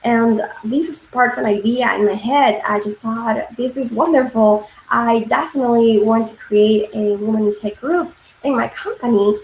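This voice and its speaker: A woman's voice: fairly high pitch, normal speed, darkish tone. Woman, thirties, grew up in Peru; earnest conference speaker, filler-heavy, roomy echo on the recording. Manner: frequent ums and uhs, earnest. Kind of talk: presentation talk. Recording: echoey room with faint noise.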